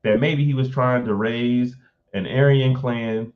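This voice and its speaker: A man's voice: medium pitch, fairly even intonation, measured pace, narrow, tinny audio. A man hosting a casual live stream, reading an article aloud and breaking off to react with blunt, informal asides.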